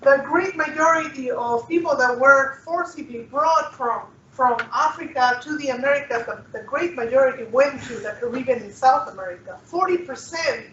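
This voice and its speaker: A woman's voice: high-pitched, a bit bright, slight background noise. A woman from Peru gives an earnest talk to an audience as a cultural anthropologist, often restarting and checking in with "right?". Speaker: guest speaker, cultural anthropologist. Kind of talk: presentation to an audience. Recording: dull, roomy, distant recording.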